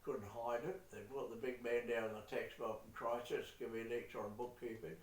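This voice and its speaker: A man's voice: mid-range voice, steady tone, fairly quick. An older man with a New Zealand accent telling rambling family stories in a salty, casual way, sprinkling in mild swearing. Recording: echoey room, far from the mic, faint noise.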